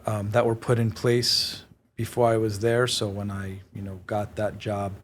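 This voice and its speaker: Born in Israel and raised in New York, a real estate company president appears as a guest on a podcast interview. His low, very flat voice comes out hesitant and modest, full of pauses, fillers and restarts. Faint noise runs beneath the recording.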